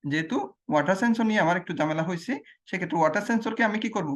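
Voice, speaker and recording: A man's voice: sits high, racing. A man teaching logic gates, asking questions, answering them himself and repeating key phrases. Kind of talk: explaining logic gates on a screen demo.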